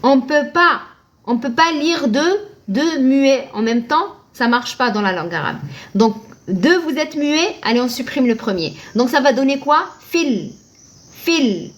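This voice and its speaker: High-voiced woman teaching. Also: expressive, measured pace. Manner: patient, asks and answers her own questions, thanks viewers by name. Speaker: Arabic reading teacher. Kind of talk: live online lesson.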